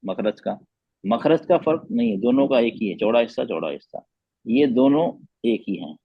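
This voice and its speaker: Man teaching tajweed, patient and repetitive, slightly husky voice, dry muffled sound. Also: fairly low pitch, big pitch swings, moderate pace, no room sound. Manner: patient, repeats sounds and quizzes students. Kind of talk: teaching an online class.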